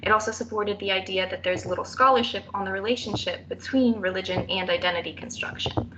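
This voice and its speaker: A woman's voice: medium pitch, quick pace. Young woman presenting a thesis, noisy recording. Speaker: student presenter defending a thesis. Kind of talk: prepared academic presentation.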